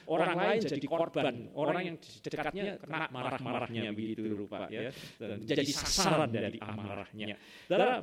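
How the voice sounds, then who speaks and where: Guy preaching a sermon, kinda high voice, swings up and down a lot, keeps going "ya?" to the crowd. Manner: rhetorical questions to the congregation with frequent "ya"; animated, sudden loud emphatic rises.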